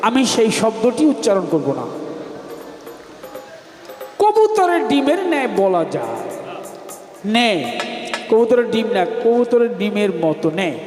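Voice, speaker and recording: High-voiced man preaching in an echoey hall. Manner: preachy, scolds the crowd, bursts into shouts. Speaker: folk singer in a stage contest. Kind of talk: spoken address to a live audience. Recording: echoey hall with long reverb.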